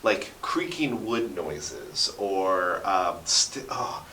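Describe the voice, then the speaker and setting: A radio drama writer and sound effects performer, interviewed in a radio station studio, talks in a casual, animated way and keeps explaining things, punctuating his points with "right?". His voice is deep, bright and very slow, picked up by a distant mic with roomy studio echo.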